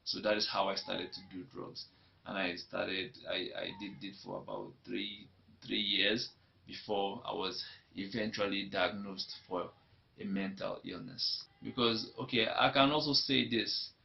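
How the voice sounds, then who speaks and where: Personal testimony from a young Nigerian man with a Nigerian accent, whose fairly low, gravelly voice stays steady and a little slow. Interviewed about his life, he speaks reflectively and repeats himself often. The recording quality is dull and lo-fi.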